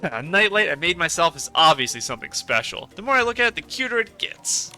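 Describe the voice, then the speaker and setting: A man's voice: on the high side, big pitch swings, quick pace, sharp tone, soft background music, pitched above the performer's own voice, full character voice. A man reading the lines of a kind, determined young woman heroine in an earnest, caring way.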